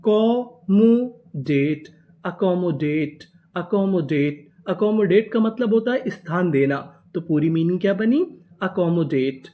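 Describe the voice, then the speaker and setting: Warm, patient teacher's voice for a phonics lesson: spells each word out, sounds it out slowly, then drills it with call-and-response questions. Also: medium pitch, animated. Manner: spells words out letter by letter, then drills them with repeated questions; slow and deliberate on sounded-out words. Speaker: English reading teacher.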